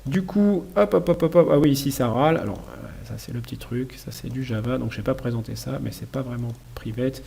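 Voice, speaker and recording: A man's voice: mid-range voice, a little fast, gravelly, few pauses, mellow, slight background noise. A man giving a casual programming lecture while demonstrating code, chatty and self-correcting with frequent apologies. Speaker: university lecturer. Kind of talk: live coding lecture.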